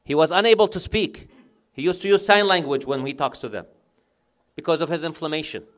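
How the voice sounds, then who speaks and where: A male preacher tells a devotional story with an earnest, emotional delivery. His voice sits a little higher than most men's. He weaves devotional phrases into the telling. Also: a little fast, a bit bright.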